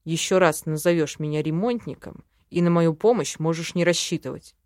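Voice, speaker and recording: A woman's voice: low-pitched, normal speed, darkish tone, dry recording, lightly acted. A woman voicing a touchy, condescending young male elf in an audiobook, read close and dry. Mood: irritated. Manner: condescending, snapping. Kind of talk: audiobook character reading.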